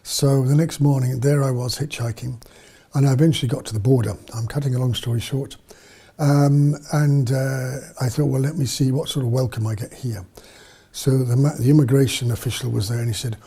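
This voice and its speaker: Older English-born priest, 70s, very dark husky voice, rambling storyteller. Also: male voice, mid-range voice. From England. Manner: rambling, self-correcting storyteller. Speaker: missionary priest. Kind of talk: storytelling interview. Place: studio.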